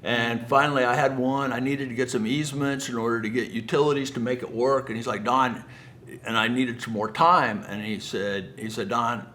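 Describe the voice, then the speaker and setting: Telling anecdotes about business in a folksy, chatty way, a middle-aged home builder frequently voices the dialogue he's quoting. His medium-pitched voice has a slightly bright quality.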